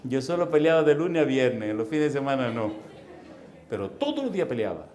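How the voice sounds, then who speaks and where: A man preaching a sermon as a pastor, telling stories animatedly and acting out voices and sounds, with forceful emphasis. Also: mid-range voice, very animated, fairly quick, echoey room. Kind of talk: storytelling sermon.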